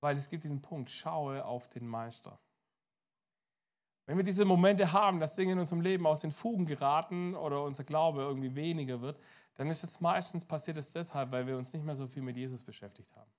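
Man, pastor, sermon, fairly high voice, dynamic delivery. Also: quick pace. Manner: lively preaching with sudden loud and soft turns. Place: church.

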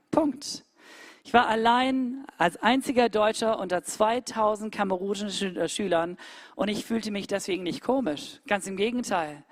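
Eine Frau hält eine emphatische Predigt und senkt dabei oft abrupt Tonhöhe und Lautstärke. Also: female voice, dry recording, studio quality. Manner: emphatic, with sudden drops in pitch and volume. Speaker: preacher. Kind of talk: sermon.

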